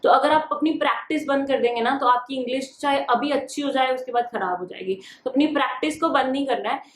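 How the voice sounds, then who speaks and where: High-voiced young woman vlogging. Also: fast. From Punjab, India. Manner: encouraging, switches freely between Hindi and English. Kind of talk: casual advice vlog. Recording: echoey room.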